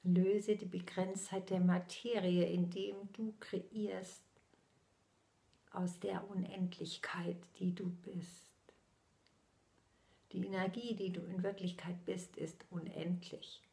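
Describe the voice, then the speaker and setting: Speaking very slowly in a low, gravelly voice with little pitch variation, a sixty-something woman acts as a medium passing on a channeled message. She keeps her eyes shut, letting many phrases fade to a soft whisper, and the sound is intimate, like a laptop recording in a small room at home.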